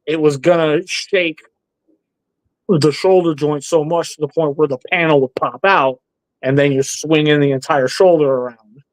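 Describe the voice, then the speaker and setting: A man's voice: fairly high pitch, steady tone, normal speed, no room sound, rough recording. A man filling in as co-host, chatting casually in a live discussion and giving blunt, opinionated takes with frequent laughter. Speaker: stand-in co-host.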